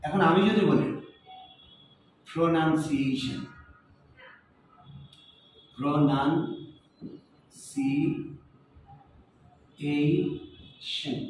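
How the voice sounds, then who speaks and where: A man from Bangladesh, giving a spoken lesson as an English teacher and repeating words slowly to model them. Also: high voice, fairly bright tone, distant mic, a little hiss or hum. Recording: very echoey room, voice off the mic.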